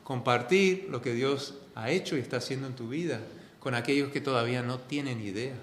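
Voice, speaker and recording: A man from preaching a sermon as pastor, earnest and repetitive, swinging between loud stressed phrases and soft, low asides. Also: brisk, slight background noise. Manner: earnest, repeats key phrases for emphasis. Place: church sanctuary. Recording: echoey church hall.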